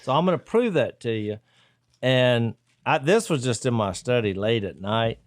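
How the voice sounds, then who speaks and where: A man's voice: medium pitch, animated, moderate pace, dry recording. Man, casual co-host of a Bible discussion, thinks aloud, acts out quotes, dry studio sound. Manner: thinks aloud, acts out quoted lines with sudden loud jumps. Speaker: podcast co-host.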